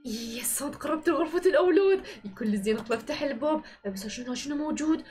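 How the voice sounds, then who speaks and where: A woman voicing an evil female doll in a Minecraft movie, gloating and scheming with low chuckles. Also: animated, fast talker, darkish tone. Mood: menacing. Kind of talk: Minecraft machinima voice acting.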